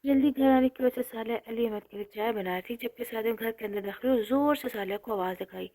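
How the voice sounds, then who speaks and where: A woman narrating a romantic novel in steady scripted storytelling. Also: a little high.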